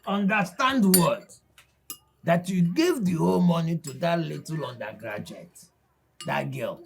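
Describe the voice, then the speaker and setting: A man's voice: fairly high pitch, expressive, measured pace, gravelly. An actor playing a friend with a Nigerian accent who scolds a man harshly for giving his money away. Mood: scolding. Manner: scolding, exclaiming.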